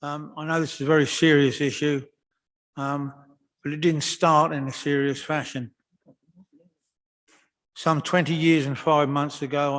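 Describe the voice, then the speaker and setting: An older man, a councillor, telling an anecdote in a council meeting, wry and unhurried with fillers and restarts. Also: on the high side, fairly bright tone. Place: council chamber. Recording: long reverb of a large chamber.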